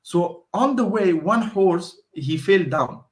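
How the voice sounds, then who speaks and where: A man's voice: high-pitched, lively intonation, slow. Man explaining at length. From Afghanistan. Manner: explanatory, storytelling, with frequent restarts. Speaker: guest. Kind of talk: casual interview.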